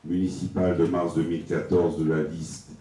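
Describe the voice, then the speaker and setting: A man reading out formal amendments at a municipal council meeting, in a measured and formal way, his voice carried by a heavy cathedral-like echo from far off in a large hall. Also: low-pitched, flat delivery, dark tone. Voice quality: measured, formal, reads out legal wording. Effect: heavy cathedral-like echo, voice heard from far off in a large hall. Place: large echoing council chamber. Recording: very echoey distant hall recording with faint noise.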